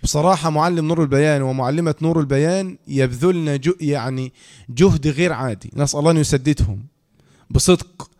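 A man's voice: on the high side, fast, a little mellow. A man with an Egyptian accent teaching reading rules in a lecture, repeating key phrases and quizzing his listeners. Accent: Egyptian Arabic.

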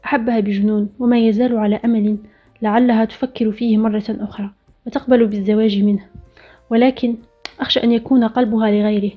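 A woman narrating a story in the first person, reading a steady scripted account. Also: fairly high pitch, quick pace, breathy edge. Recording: dull lo-fi recording with faint music.

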